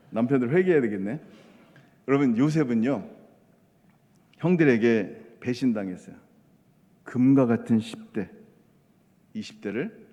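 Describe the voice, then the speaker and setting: A middle-aged man preaching a sermon as a missionary preacher, talking in an animated way and putting questions to the congregation. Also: mid-range voice. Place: church sanctuary. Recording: long hall reverb.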